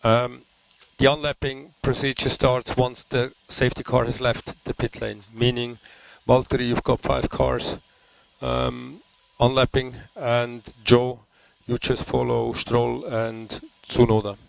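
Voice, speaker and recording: A man's voice: mid-range voice, level tone, a little slow, gravelly, poor audio. A man on race radio giving short announcements and time countdowns, often repeating each call.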